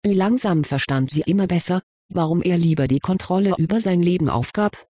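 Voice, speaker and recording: A narrator reading a story aloud in an even, measured way. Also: medium pitch, no echo, clean studio sound.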